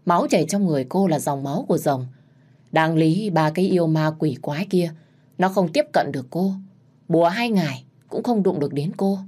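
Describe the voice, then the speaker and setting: A woman's voice: lowish voice, brisk, dark tone, close to an everyday voice. A woman voicing an older female village shaman who gives stern, instructive warnings.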